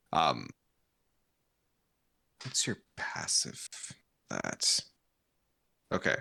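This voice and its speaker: A man acts as game master for a tabletop game, improvising narration. His voice is fairly low and very unhurried, recorded dry without room sound. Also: sharp tone, dry recording.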